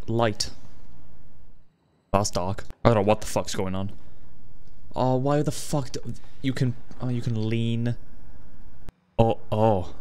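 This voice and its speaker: A man's voice: fairly low pitch, a little mellow, clear, resonant tone. A man giving sweary gameplay commentary as a scared, jumpy horror game streamer. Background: horror game sounds.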